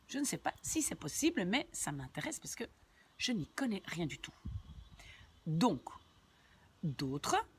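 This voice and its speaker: Slow, patient woman teaching Dutch. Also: on the low side, big pitch swings, husky. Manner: patient, repeats and translates word by word; chatty asides to viewers. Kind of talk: language lesson explaining a sentence.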